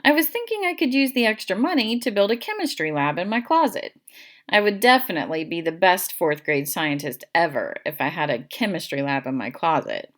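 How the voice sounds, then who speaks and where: A woman reading a first-person children's audiobook in an expressive, playful storytelling manner. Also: on the low side, a little fast. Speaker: audiobook narrator.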